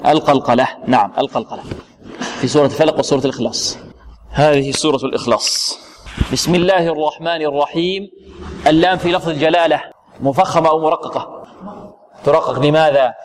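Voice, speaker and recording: A man's voice: fairly high pitch, a little hiss or hum. Male tajweed teacher quizzing students, echoing hall. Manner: quizzing, answers his own questions, halting restarts. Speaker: Quran recitation teacher. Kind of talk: tajweed lesson with questions to students.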